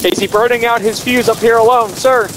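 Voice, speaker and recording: A man playing a dutiful, deadpan soldier in online game role-play, answering in clipped lines to his sergeant. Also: extremely high pitch, brisk. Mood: deadpan, reluctant. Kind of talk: improvised in-game role-play over voice chat. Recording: game voice chat over faint battle noise.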